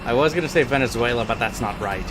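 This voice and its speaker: Over game music and engine noise, a man streams a racing game and chats casually with his viewers. His medium-pitched voice moves at a quick pace as he thinks aloud and apologizes while guessing.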